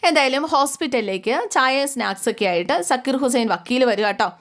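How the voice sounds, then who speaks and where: A woman's voice: sits high, expressive, brisk. A woman narrating a serialized family drama in a chatty, conversational way, often turning to the listener. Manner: chatty, addresses listeners with tag questions. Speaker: storyteller. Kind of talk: casual serialized story narration.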